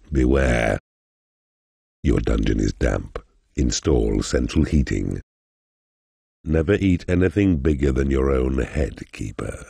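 An actor playing a huge, sinister demonic mentor in a video game, giving sardonic, drawn-out advice in a gravelly, husky growl. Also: male voice, very deep voice, mellow, no echo, studio quality, full character voice. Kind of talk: scripted video game narration.

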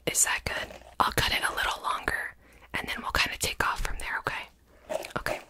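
A woman doing a whispered role-play as an attentive, reassuring hairdresser, speaking in a soft ASMR whisper with short, repeated phrases. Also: moderate pace. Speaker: ASMR performer playing a hairdresser.

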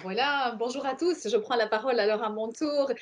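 A woman's voice: on the high side, fairly quick. A woman in her forties from Belgium with a Belgian French accent, introducing herself as a professor on an online panel over a laptop mic, talking fluently with small fillers. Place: home room, indoors. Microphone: laptop webcam mic, video call.

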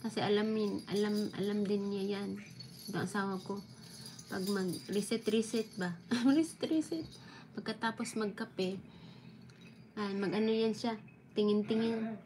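A woman's voice: medium pitch, fairly even intonation, a little slow, long pauses, darkish tone, slight background noise. A woman hosting a casual live stream at home, chatting to viewers and laughing often between phrases. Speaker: livestream host reading viewer comments. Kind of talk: casual live chat over coffee.

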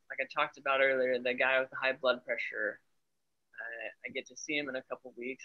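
A man's voice: medium pitch, bright, forceful tone. A young adult man, an Air Force family medicine resident, chatting in an upbeat way and laughing easily over a video call. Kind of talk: casual video-call interview. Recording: dull video-call audio.

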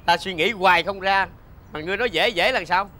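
Stern young mandarin judge. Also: male voice, sits high, a little fast, sharp tone. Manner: stern, commanding orders. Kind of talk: folk tale TV drama.

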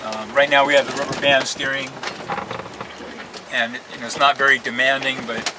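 An older man explains life at sea in an easygoing, casual way while filming from a sailboat's cockpit, where he co-hosts a sailing vlog. He speaks briskly in a medium-pitched, steady voice, recorded on camera audio with clear wind and sea sounds.

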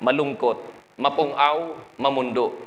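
A man's voice: medium pitch, unhurried, highs cut off, faint music behind. A Filipino man, preaching a sermon with joking stories and English phrases, recorded in an echoey hall. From Philippines. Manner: storytelling with jokes, switching to English.

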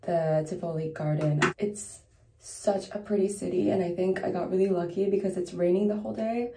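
A woman's voice: fairly low pitch, fairly even intonation, moderate pace, gravelly, echoey room, background noise. A young woman in her twenties narrating a casual travel vlog, chatty and upbeat. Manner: chatty, upbeat, run-on storytelling. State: groggy, just woke up, soft low voice. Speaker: travel vlogger.

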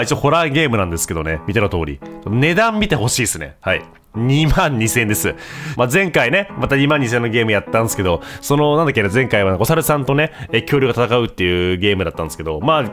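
A man doing casual, mocking gameplay commentary as a streamer, breaking into sudden loud outbursts. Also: medium pitch.

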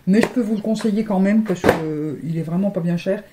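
In a very noisy recording, a beauty vlogger with a medium-pitched voice talks briskly and casually while unboxing advent calendars. She keeps stumbling and repeating words.

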